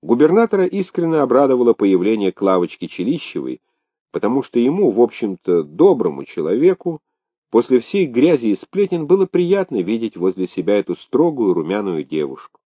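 Dark-voiced male audiobook narrator. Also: medium pitch, very animated, brisk, no echo, dull audio. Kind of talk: scripted narration.

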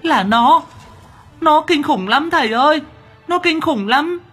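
A man voicing a frightened child demon spirit that begs for mercy in a high, thin, wailing voice, in an audiobook. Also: expressive, a little slow, pushed and bright, soft background music, full character voice. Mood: pleading.

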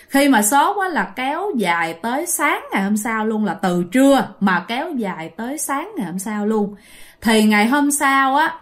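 A woman's voice: fairly high pitch, a bit bright. A woman with a Southern Vietnamese accent telling a ghost story in a chatty way, often turning to her listeners. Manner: conversational, addresses listeners directly.

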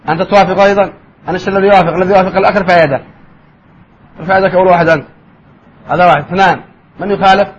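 Guy teaching spelling in class, kinda high pitched, keeps asking the students stuff. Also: slightly rough, dull audio. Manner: quizzes students with quick questions. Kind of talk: classroom lesson.

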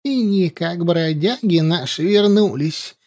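A woman voicing a frightened old village witch in an audiobook, her voice quavering and her speech slow and fearful. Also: fairly low pitch, a little mellow. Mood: anxious. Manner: slow, breaking into frantic muttering. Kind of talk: audiobook character voice.

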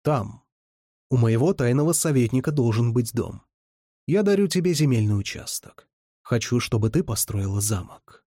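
A man reading the lines of a guarded young male ruler with dry humor, in a low, terse delivery. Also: lively intonation, moderate pace, warm tone, no echo. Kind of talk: audiobook character reading.

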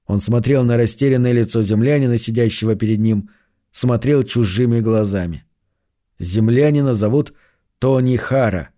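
A man narrating a science fiction audiobook in an even, measured way. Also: mid-range voice.

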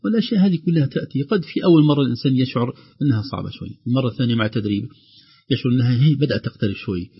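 A man gives a radio lesson on Quran recitation. His voice is husky and his delivery is calm, slowing right down whenever he demonstrates a word. The sound is a dull, lo-fi broadcast. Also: mid-range voice. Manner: explains calmly, slowly modelling word pronunciations.

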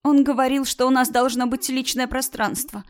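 A woman reading an audiobook, voicing a heartbroken young woman who sobs softly and speaks in a plaintive, quiet way. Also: high-pitched, steady tone, moderate pace, pitched above the performer's own voice, close to an everyday voice. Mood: tearful. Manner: sobbing, soft and plaintive. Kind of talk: audiobook character voice.

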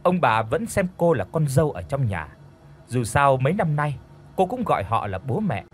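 A man narrating an audiobook story in an expressive storytelling read. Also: medium pitch, normal speed, soft background music. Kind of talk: scripted narration.

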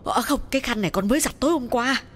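A woman's voice: a little high, very fast, soft background music, close to an everyday voice. A woman voicing an anxious, curious young village woman in an audiobook, pressing with questions. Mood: alarmed. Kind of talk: audiobook dialogue reading.

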